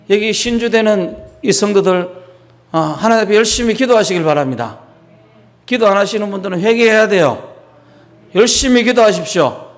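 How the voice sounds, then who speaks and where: Male pastor, sermon; high-pitched and lively, conversational asides, rhetorical questions. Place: church in Beijing.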